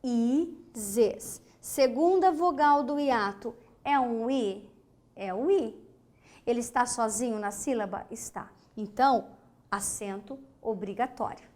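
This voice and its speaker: A woman's voice: fairly high pitch, darkish tone. A woman from Brazil teaching an online grammar lesson, speaking emphatically, asking questions and answering them herself, and spelling words out syllable by syllable. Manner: slow, emphatic, asks and answers her own questions.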